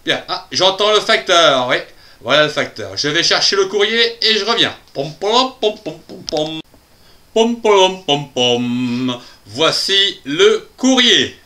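A man voicing a cheerful little male bear who teaches spelling in a children's phonics lesson, spelling words out slowly syllable by syllable and chuckling often. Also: sits high, expressive, pushed and bright, full character voice.

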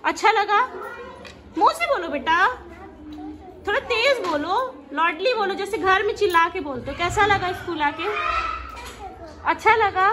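A woman's voice: extremely high pitch, lively intonation, normal speed, long pauses, sharp tone. A woman vlogger, aunt to the children, coaxing and directing little kids with short repeated commands in a school playroom. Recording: noisy background ambience.

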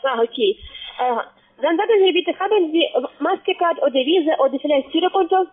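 A high-voiced woman whose first language isn't German works through a halting phone sales pitch with an expressive delivery. Her accent is foreign and her grammar broken, and the tinny line sounds like a cheap call-center connection.

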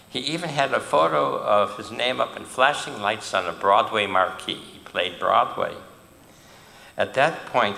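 A man's voice: lowish voice, vocal fry, bright, forceful tone. Older man lecturing in an echoey hall. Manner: earnest storytelling with emphatic pauses. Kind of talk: storytelling lecture.

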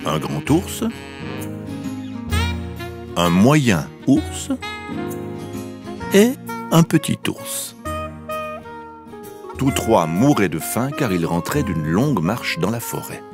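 Man reading a kids' fairy tale, slow and singsongy, lowish voice, soft music under it. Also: big pitch swings. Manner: lilting, sing-song with drawn-out repetitions. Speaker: storyteller. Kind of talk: children's story narration.

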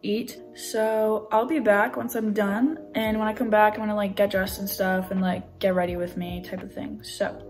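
A young adult woman vlogs casually to camera in a sparsely furnished apartment room, her informal, youthful talk delivered in a flat, mid-range voice at normal speed with hardly any pauses. Her slightly mellow voice sounds distant from the mic in an echoey room, with music behind.

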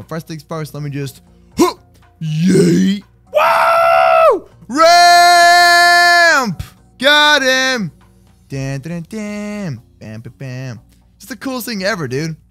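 A young man giving goofy, hyped gameplay commentary, chatting to his sidekick and viewers with sudden shouts. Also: mid-range voice. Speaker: gaming YouTuber.

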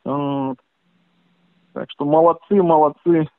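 A man's voice: on the high side, fairly even intonation, slow pace, no room sound. A man from Russia on a casual phone call, agreeable and rambling, with many hedging filler phrases. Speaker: caller. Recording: tinny, dry phone line.

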